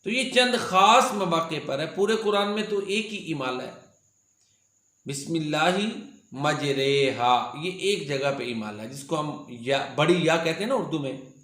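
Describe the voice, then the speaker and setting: A man gives a religious lesson on recitation, his voice pitched a little high. He explains earnestly and repeats example words slowly, recorded in an echoey room. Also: lively intonation, fairly bright tone. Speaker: Quran teacher. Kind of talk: religious lecture.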